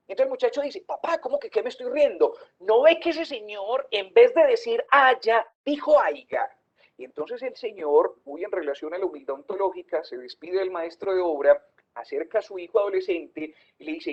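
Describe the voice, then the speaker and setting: A woman's voice: mid-range voice, darkish tone, husky, muffled recording. A woman giving an online teacher-training lecture, emphatic and putting questions to her audience. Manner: emphatic, questions the audience and reads their comments. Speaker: university lecturer.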